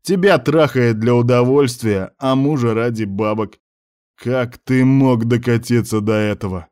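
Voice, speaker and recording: A male reader voicing a drunk, furious young man who snarls and shouts crude insults. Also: medium pitch, measured pace, clear, resonant tone, natural voice. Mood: raging.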